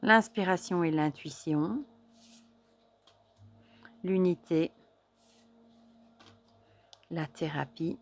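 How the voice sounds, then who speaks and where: Woman host, low-ish voice, chatty card-deck show-and-tell, admiring, hushed asides. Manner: chatty, admiring, halting with fillers. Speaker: oracle card reviewer. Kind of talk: casual show-and-tell review.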